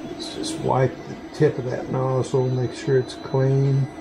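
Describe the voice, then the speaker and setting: A man running a 3D print farm, talking slowly and plainly step by step while he works in a workshop full of printers. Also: mid-range voice, monotone, vocal fry, noisy background. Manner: slow, plain step-by-step explaining while working. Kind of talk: hands-on workshop demonstration.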